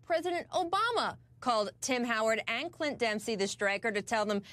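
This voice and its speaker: A woman's voice: a little high, lively intonation, moderate pace, a bit bright, no room sound. A woman with an American accent reporting sports on the news in an enthusiastic, emphatic, conversational way. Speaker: sports correspondent on a news broadcast.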